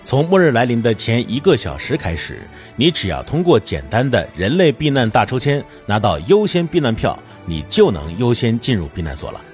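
A man playing a glib television news anchor with smooth announcer delivery, in an audio drama. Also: mid-range voice, big pitch swings, normal speed, hardly any pauses, faint music behind, natural voice. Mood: announcing.

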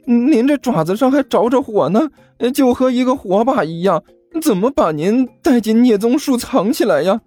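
A man's voice: very high voice, expressive, normal speed, hardly any pauses, a little mellow, no room sound, faint music behind, voice pushed up. A man doing a stammering, fawning servant. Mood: nervous. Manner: stammering, nervous, deferential. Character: timid fawning male underling, stammering servant.

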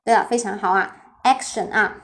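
A woman's voice: mid-range voice, moderate pace, a bit bright. A woman teaching English vocabulary on a live stream, spelling words letter by letter, asking her students questions and praising them often.

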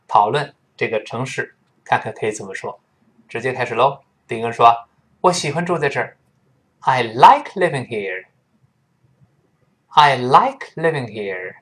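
A man leads a pronunciation lesson, walking through each sound and drawing words out slowly so learners can repeat them. His pitch moves a lot, rising and falling as he explains. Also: a bit bright. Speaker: English pronunciation teacher. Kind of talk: spoken English lesson for learners. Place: lives in Sydney.

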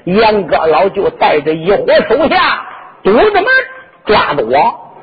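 A man's voice: sits high, wildly swooping pitch, a little slow, heavy background noise, pitched below the performer's own voice, heavily acted. A man voicing a young courtier crying injustice. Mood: pleading. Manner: pleading, protesting. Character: young male courtier pleading his innocence. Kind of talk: traditional storytelling performance. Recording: dull lo-fi recording with instrument music.

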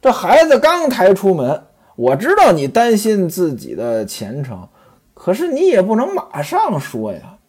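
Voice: mid-range voice, wildly swooping pitch, measured pace, a little mellow, slightly rough. A storyteller retelling a classic novel in a conversational way, turning often to the listeners.

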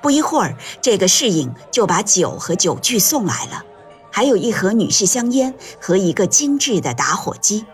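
A woman reads an audiobook script gently and at a measured pace, her pitch moving in lively arcs across every sentence. Soft music runs faintly beneath her.

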